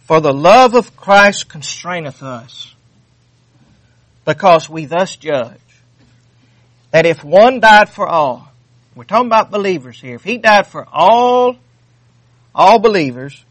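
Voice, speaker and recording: A man's voice: a little high, expressive, slow, long pauses, fairly bright tone, no room sound. A man preaching a sermon, fervent and repetitive, reading scripture aloud with rising intensity. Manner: fervent, repeats phrases, reads scripture aloud.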